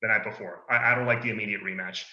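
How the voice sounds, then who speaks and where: A man's voice: lowish voice, fairly even intonation, racing, bright, forceful tone. A man co-hosting a podcast, chatting casually and giving easygoing opinions while he leads the discussion. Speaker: podcast co-host. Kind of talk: casual chat about wrestling. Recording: echoey room, dull lo-fi sound.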